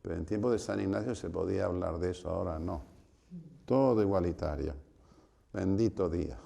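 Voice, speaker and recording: A man, a priest, giving a spiritual retreat conference, telling stories and acting out voices with sudden shouts. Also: sits low, fairly quick, creaky. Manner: storytelling, acts out voices with loud shouts.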